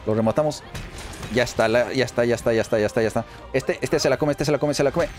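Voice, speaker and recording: A man giving excited let's play commentary, chatty and often repeating phrases in quick bursts. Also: medium pitch. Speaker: gameplay commentator. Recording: faint game music underneath.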